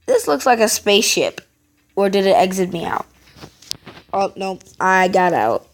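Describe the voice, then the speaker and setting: A woman's voice: mid-range voice, sing-song, unhurried, slight background noise. A woman YouTuber giving playful, chatty let's-play commentary and talking back to the game.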